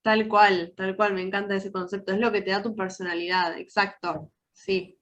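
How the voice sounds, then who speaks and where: This woman's voice sits at medium pitch with a level tone, normal speed and a fairly bright quality, but the recording's highs are cut off. She's a soft-skills trainer with an Argentine Rioplatense accent, nasal with a cold, asking her online workshop audience lots of questions.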